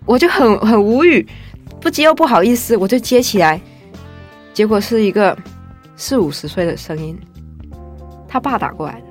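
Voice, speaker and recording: A woman's voice: mid-range voice, expressive, moderate pace, pauses often, soft background music. Candid young woman telling a story. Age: 20s. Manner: candid, chatty, wry. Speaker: guest storyteller. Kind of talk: casual first-person storytelling.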